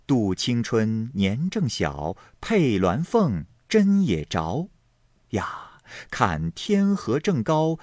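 A man voicing a graceful young male opera actor who recites and sings in a slow, measured way. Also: medium pitch, darkish tone, dry recording, studio quality, exaggerated voice. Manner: slow, measured chanting and singing. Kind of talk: storytelling.

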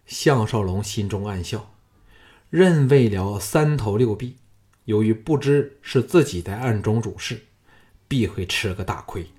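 A man narrating a martial fantasy novel as an audiobook, in steady storytelling. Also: lowish voice, unhurried.

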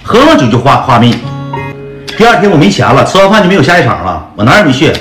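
A man's voice: mid-range voice, big pitch swings, fast. A man casually tells a rambling personal story, full of slang and calling his listeners brothers. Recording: echoey room with guitar music.

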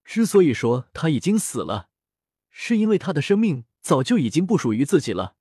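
A dreamy, distant voice for a band of identical young men, put on by a man narrating an audiobook, eerie and mocking as it drifts in from all directions. The tone is mellow and husky, raised above the narrator's own pitch, and it sits dry and close despite its far-off feel. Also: sing-song, brisk, no room sound. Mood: cold. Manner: cold, taunting, philosophical. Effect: dreamy, distant voice from all around.

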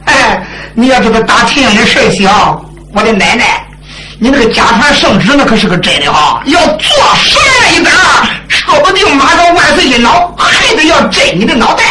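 A man voicing a shrewd, jovial old duke who scolds a prince in a drum-ballad story, teasing him with laughs and shouts. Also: very high-pitched, lively intonation, normal speed, noisy background. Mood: scolding. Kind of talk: drum-ballad storytelling with spoken role-play. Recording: roomy, loud instrumental accompaniment.

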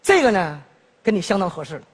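An exasperated, husky city cousin. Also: male voice, high voice, big pitch swings, fast talker, in a large hall, heavily acted. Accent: Northeast Chinese. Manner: exasperated, placating, laughs often. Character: well-off city man, patient younger cousin. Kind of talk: comedy sketch dialogue.

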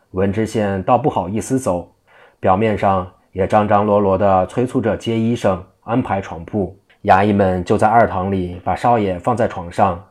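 Low-voiced male storyteller. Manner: lively, vivid storytelling, doing all voices. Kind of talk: traditional storytelling narration.

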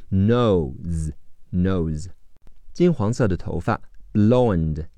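A man leads an English phonics vocabulary lesson in a rather low voice with lively, swinging pitch. He spells out letter groups, then drawls each word twice as a model. His speech is unhurried and the sound is close and dry. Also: no echo. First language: Chinese. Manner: slow, drawn-out model pronunciations of each word. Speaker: English teacher.

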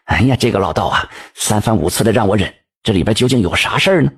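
A man voicing a middle-aged shopkeeper, quick to anger but holding himself back. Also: on the low side, lively intonation, husky, heavily acted. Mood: grudging. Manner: blustering, exclaiming. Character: middle-aged male shopkeeper, hot-tempered but restrained.

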